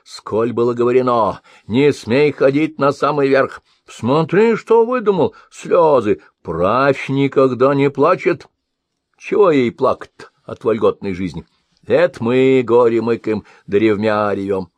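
A man's voice: mid-range voice, lively intonation, unhurried, no echo. A man voicing a fussy, scolding old village woman who chides and frets. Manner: scolding, fretful.

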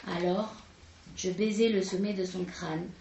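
A woman giving a slow, expressive dramatic reading of a literary text at a public talk. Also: fairly low pitch, dull audio, noisy background. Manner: slow, expressive, raises voice for quoted cries. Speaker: reader of literary excerpts. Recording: roomy, distant mic.

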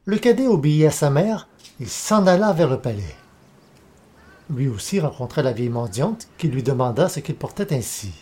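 Male storybook narrator: mellow, measured, mid-pitched. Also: very animated.

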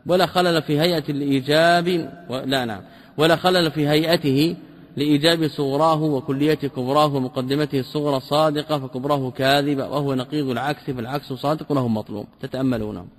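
Man, somewhat high-pitched, reads and explains a text, rhetorical questions, repeats key terms, echoing hall. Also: steady tone, quick pace. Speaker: teacher explaining a classical logic text. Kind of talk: line-by-line commentary lesson.

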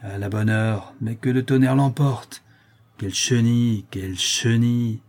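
A man reading an audiobook and voicing a coarse, impatient bailiff's officer who talks gruffly and brusquely. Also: medium pitch, steady tone, measured pace, darkish tone, lightly acted. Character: rough male debt collector's officer, impatient and coarse.

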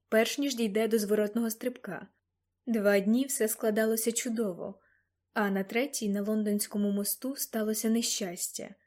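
A woman's voice: medium pitch, a little mellow, close to an everyday voice. A woman reading the lines of an elderly grandfather, earnest and a little guilty, in an audiobook. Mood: worried.

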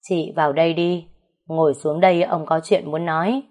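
A woman's voice: deep voice, steady tone, moderate pace, a little mellow. A woman voicing a stern middle-aged man who heads the household and gives orders. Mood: calm. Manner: bossy, commanding.

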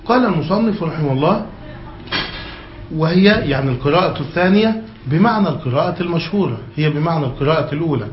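A man's voice: a little high, animated, quick pace, soft background music. A man teaching an Arabic grammar lesson, reading passages aloud and explaining them, often checking that his students follow. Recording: echoey, dull lo-fi room recording with faint hiss.

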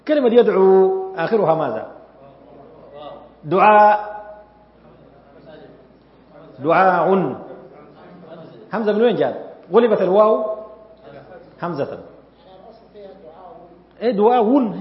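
A man teaching a grammar class, questioning his students as he lectures. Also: sits high. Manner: lively, asks the class questions. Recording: echoey hall, dull lo-fi sound.

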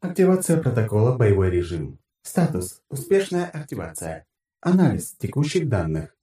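A man's voice: mid-range voice, big pitch swings, normal speed, mellow, recorded from a distance, faint music behind, close to an everyday voice. A man voicing a glitching robot AI, echoey. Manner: glitching robot reporting errors and reboots. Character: malfunctioning combat AI system, cold and mechanical. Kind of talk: audiobook narration.

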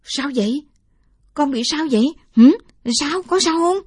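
A man voicing a caring old woman in an audiobook story, asking anxious, rapid questions and scolding tenderly. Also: extremely high pitch, lively intonation, dry recording, studio quality, voice pushed up. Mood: worried. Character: fretful, caring old woman who dotes on the boy. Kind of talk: audiobook character voice.

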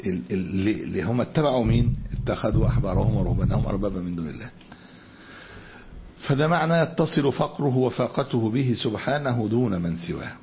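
Gravelly Egyptian man teaching a religious lesson. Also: mid-range voice. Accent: Egyptian Arabic. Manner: asks rhetorical questions and answers them; mixes colloquial talk with Quranic recitation. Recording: dull lo-fi lecture recording with faint noise.

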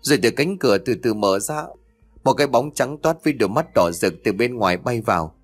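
A man's voice: mid-range voice, expressive, brisk, soft background music, lightly acted. A man voicing a desperate, grieving village mother who pleads through sobs. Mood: shaken. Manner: sobbing, pleading, breaking voice.

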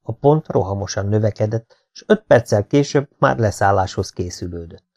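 A man reading a science fiction audiobook aloud in a calm, even narrating manner. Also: lowish voice. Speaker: audiobook reader.

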